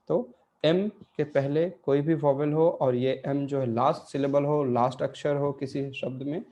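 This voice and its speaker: Guy teaching a language lesson, mellow voice, asks then answers himself, bit dull lo-fi sound. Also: fairly high pitch. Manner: explains step by step, asks questions and answers them himself. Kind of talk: online class lecture.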